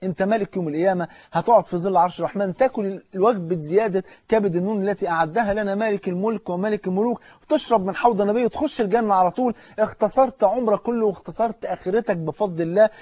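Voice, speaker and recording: A man's voice: high-pitched, racing, hardly any pauses, a little mellow, dry recording, lo-fi sound. A man with an Egyptian Arabic accent preaching a sermon, fervently urging the listener directly.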